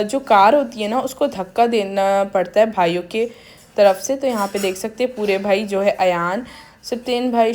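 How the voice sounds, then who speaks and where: A woman's voice: mid-range voice, darkish tone. A young woman narrating her family wedding vlog in a chatty, casual voice-over, talking straight to her viewers. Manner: chatty, addresses viewers as guys. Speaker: vlogger.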